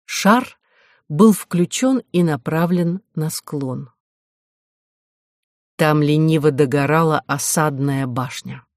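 A reader narrating a novel in an even, slow, dry manner. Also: medium pitch, dry recording. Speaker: audiobook reader. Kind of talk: scripted narration of a historical adventure novel.

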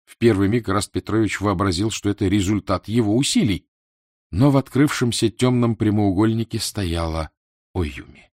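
A man narrating a literary novel in a measured, expressive way. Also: lowish voice, no echo, studio quality. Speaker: audiobook narrator.

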